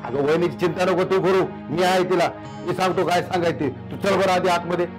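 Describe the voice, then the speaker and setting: A man's voice: high voice, steady tone, a little fast, over music, lightly acted, poor audio. A man playing a soothing, caring brother. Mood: consoling. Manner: soothing, insistent, repeats "हा?". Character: caring older brother taking in his sister. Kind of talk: village family drama acting.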